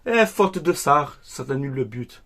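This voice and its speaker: A man's voice: mid-range voice, very animated, measured pace, a bit bright. A man hosting a football fan video, upset and worked up, ranting and repeating himself as he talks straight to his viewers. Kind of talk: casual angry match debrief.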